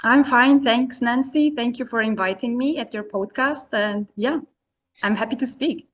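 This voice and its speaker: In a casual podcast interview, the English-speaking Serbian guest, a young woman who founded an online business community, speaks at an ordinary pace in a slightly high voice. Her speech is full of tentative fillers such as "um" and "you know".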